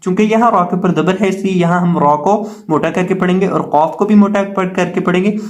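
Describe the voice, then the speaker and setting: A man teaching Quran reading, slowly spelling out each syllable, repeating every word and patiently explaining how to pronounce it. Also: high voice. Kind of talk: slow spelling-out lesson.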